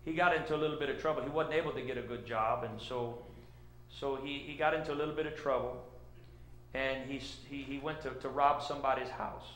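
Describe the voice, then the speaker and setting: A middle-aged man with a Cajun accent doing folksy stand-up storytelling in a drawn-out way on a stage. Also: medium pitch, fairly even intonation, fairly bright tone, a little hiss or hum. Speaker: comedian. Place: indoor church-like hall, on stage before seated audience. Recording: roomy echo of a live stage.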